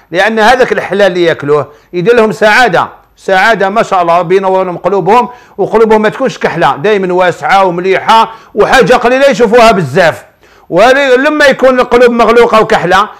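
High-voiced Algerian sheikh giving advice. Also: male voice, fairly bright tone. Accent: Algerian Arabic. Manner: preachy, full of rhetorical questions. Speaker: sheikh answering viewer questions. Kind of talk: televised religious advice.

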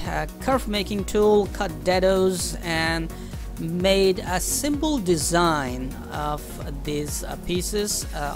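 A man talks through his woodworking project in voice-over at a slow, easy pace, pausing often as he thinks aloud. Clear background music runs under his voice. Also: on the high side. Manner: unhurried, thinking aloud, frequent hesitations. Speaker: woodworking hobbyist. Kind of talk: voice-over narration of a workshop build.

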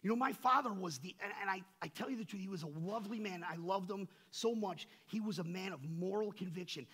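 A man preaching a sermon as pastor, swinging from loud emphatic peaks to soft low asides and asking the congregation rhetorical questions. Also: breathy edge.

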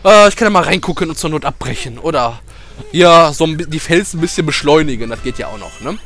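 A man doing let's play commentary, emotional and excitable, cheering, swearing and shouting at the game as he plays. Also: a little high, fast.

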